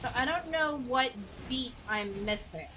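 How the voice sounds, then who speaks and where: A woman's voice: high voice, expressive, measured pace. A woman playing a video game on stream, talking through her moves with mild frustration. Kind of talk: casual chat narrating gameplay. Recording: game music playing behind.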